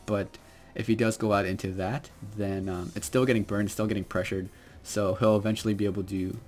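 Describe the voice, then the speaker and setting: A young man commentating his own Pokemon battle quietly, with lots of fillers and restarts. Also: lowish voice. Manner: quiet, hesitant, many fillers. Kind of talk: game commentary.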